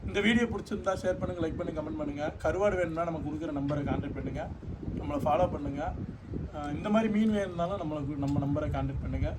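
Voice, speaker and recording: A man with a Tamil Nadu accent chatting casually while eating in a family vlog, getting animated as he praises the food, and promoting his fish business. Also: fairly high pitch, fast, noisy background. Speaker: vlogger selling fish and dried fish.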